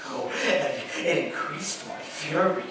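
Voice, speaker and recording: In a gothic horror stage reading at an amusement park, a man with a slightly high voice, hushed, sly, and obsessive, plays a deranged killer confessing with chuckling glee. His delivery halts, repeats, and swings from quiet to shouting, while the distant mic catches echo and faint noise.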